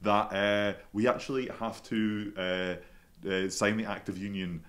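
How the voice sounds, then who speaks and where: A man with a Glasgow accent talks casually as a podcast guest, often restarting his sentences as he spins a self-deprecating story. His voice sits low and sounds bright and forward. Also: little pitch movement, unhurried. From Scotland. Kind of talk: casual chat.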